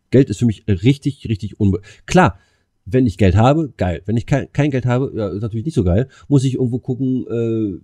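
A man's voice: fairly low pitch, mellow. A man in casual conversation, talking bluntly with slang and lots of filler words and restarts. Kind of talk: casual chat.

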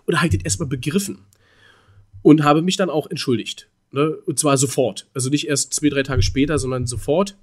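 Man with a higher voice, hesitant chat. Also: moderate pace, slightly rough. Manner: hesitant, repeats words, laughs easily. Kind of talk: casual chat.

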